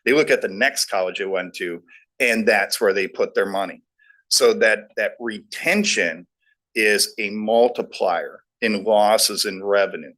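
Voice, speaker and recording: A man's voice: on the low side, a little slow, fairly bright tone. A middle-aged man on a board sharing folksy, anecdotal points with emphasis during a meeting discussion. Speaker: board trustee.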